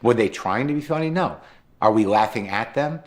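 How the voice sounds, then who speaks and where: A man's voice: mid-range voice, animated, moderate pace. A man with a mid-range voice reasoning aloud in a documentary interview. He poses his own questions and answers them himself.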